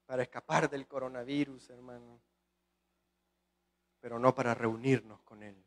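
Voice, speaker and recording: A man's voice: mid-range voice, steady tone, normal speed. A man with a Salvadoran accent preaching a sermon with impassioned delivery, often calling out to the congregation. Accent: Salvadoran Spanish. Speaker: guest pastor.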